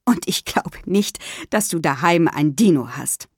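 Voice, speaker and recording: A woman voicing a kind, patient female schoolteacher speaking gently to children. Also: low-pitched, animated, a little slow, husky, no room sound, studio quality, full character voice. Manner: gentle, indulgent.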